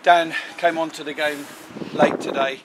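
A man's voice: fairly high pitch, fairly even intonation, unhurried. Male club interviewer in the wind. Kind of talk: post-match interview. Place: outdoors at a football ground at night. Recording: wind noise outdoors.

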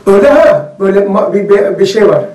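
A man with a very high voice leads an informal religious lesson, chatting and telling anecdotes to his group. He is recorded from a distance in a roomy, echoing space. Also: expressive, a little fast, darkish tone. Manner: chatty, storytelling, asks the group questions. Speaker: religious study circle leader. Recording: echoey room, mic far off.

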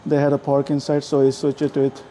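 A man with a mid-range, mellow voice talks briskly in a completely flat delivery. He's a travel vlogger filming a casual food vlog on a handheld camera, walking through restaurants and streets, indoors and out, praising the food in simple, friendly words. The handheld camera audio is noisy.

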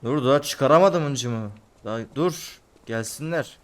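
A man's voice: mid-range voice, measured pace. A young man with a Turkish accent, a gameplay streamer who mutters to himself and bursts into angry swearing. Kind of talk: gameplay commentary.

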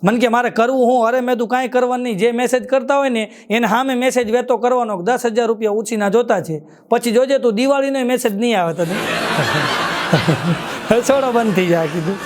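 A man with a Kathiyawadi Gujarati accent telling jokes on stage at a live show, moving briskly from punchline to punchline with a recurring catchphrase. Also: very high-pitched. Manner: quick punchlines, ends each joke with a catchphrase. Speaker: stand-up comedian.

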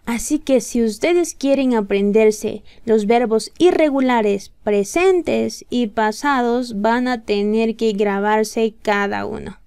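Slow, patient woman teaching grammar. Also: on the high side, warm tone, no room sound. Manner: patient, step-by-step, checking questions. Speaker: English teacher. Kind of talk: explaining grammar to beginners.

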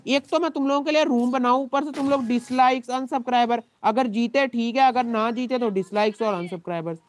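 A man with a Pakistani Urdu accent, a game streamer talking to his live chat in an exasperated, complaining way, his throat dry from shouting. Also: very high-pitched, fairly quick. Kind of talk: live gaming stream talk.

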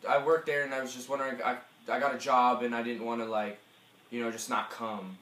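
A man's voice: mid-range voice, level tone, fairly quick, fairly bright tone. A young man in casual talk and prank calling, rambling and repeating himself. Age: young adult. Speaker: prank caller. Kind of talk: casual chat and prank call. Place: small furnished room at home. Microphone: camera a short distance away. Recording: echoey room, noisy camera mic.

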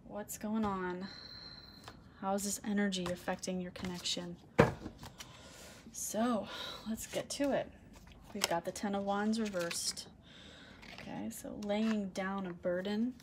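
In a room with red curtains and candles on a table, a woman does a relaxed tarot reading to camera, slow-paced with long pauses and fairly even intonation. Her soft, low, husky voice is going as she clears her throat and keeps asking "okay?" A broken microphone yields quiet audio with background noise.

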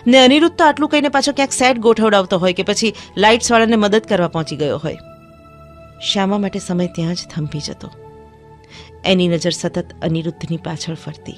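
A woman hosting a radio show, narrating a story in a soft, dramatic, measured way from a studio. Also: a little high.

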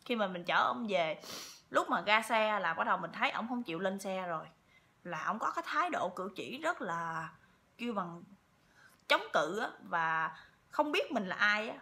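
A woman's voice: mid-range voice, expressive, normal speed, bright, forceful tone. A woman telling a story to her viewers in a chatty way, repeating words often. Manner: chatty, with many repeats and fillers. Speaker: vlogger.

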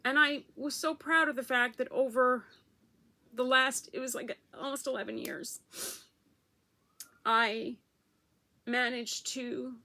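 A woman speaking in her personal video blog, emotional and halting, close to tears. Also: sits high, pushed and bright. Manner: emotional, halting, tearful at times. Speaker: vlogger.

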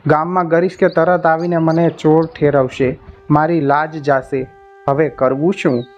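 A man's voice: a little high, flat delivery, unhurried, close to an everyday voice. A man voicing a bold, crafty middle-aged horseman who gives orders in a rustic village way. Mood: worried. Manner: rustic, commanding village dialect. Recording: muffled with faint music behind.

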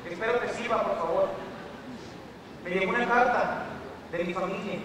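A man's voice: high-pitched, moderate pace, background noise, natural voice. A man playing a homesick prison inmate. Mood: pleading. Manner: theatrical, projecting to an audience. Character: male inmate, homesick, bossy to cellmates. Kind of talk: live stage performance. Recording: echoey hall from far off.

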